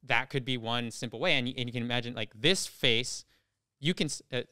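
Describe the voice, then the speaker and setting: A man's voice: mid-range voice, brisk, sharp tone, clean tone, no echo. A man in his thirties brainstorming ideas in a casual studio conversation, thinking aloud with frequent restarts. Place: studio with brick walls. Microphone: studio mic on boom arm, headphones.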